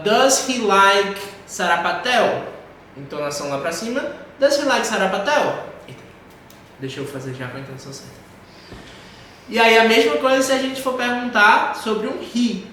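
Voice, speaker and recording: A man teaches an English class with a fairly high voice. He is patient and repeats every example so students can drill it. The sound bounces around a very echoey room with a faint hiss underneath. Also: fairly bright tone.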